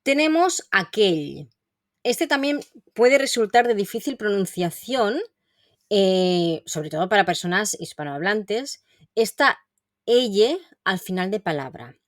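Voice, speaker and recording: A woman's voice: medium pitch, expressive, no room sound, studio quality. Patient woman teaching a language lesson. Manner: clear, patient explanation with slow, careful example sentences.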